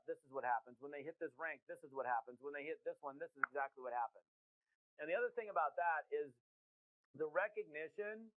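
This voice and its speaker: A man giving an energetic motivational business talk at a virtual event, repeating himself and asking rhetorical questions. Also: fairly high pitch. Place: home setup for a virtual event. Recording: phone-like narrow audio.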